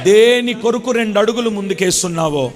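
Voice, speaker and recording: High-voiced man preaching a fervent sermon. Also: a little fast, slight background noise. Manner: fervent and repetitive, firing questions at the congregation; rises to shouted blessings. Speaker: pastor.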